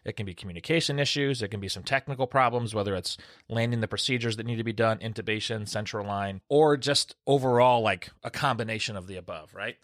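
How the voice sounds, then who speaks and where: Male physician host: fast and conversational, low voice, dry close sound. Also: a bit bright, no room sound. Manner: quick, conversational, asks questions and sums up the others. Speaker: podcast host and emergency physician. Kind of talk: panel discussion.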